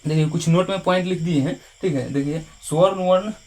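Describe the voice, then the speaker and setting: A man's voice: fairly high pitch, brisk, a little mellow. A male teacher giving a patient, repetitive grammar lesson, checking in with students after nearly every phrase.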